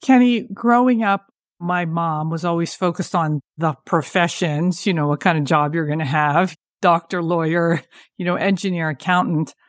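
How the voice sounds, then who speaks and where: A woman's voice: fairly low pitch, steady tone, moderate pace, no room sound, clean studio sound. A woman hosting a podcast interview. She talks in a conversational way and asks open questions. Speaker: podcast host.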